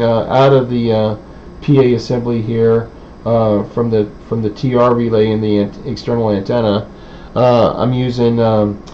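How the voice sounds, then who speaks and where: A radio hobbyist presents an informal technical demonstration in a halting, hesitant way, pausing often. His voice is mid-range and a little mellow. The lo-fi recording sounds dull, with faint background noise.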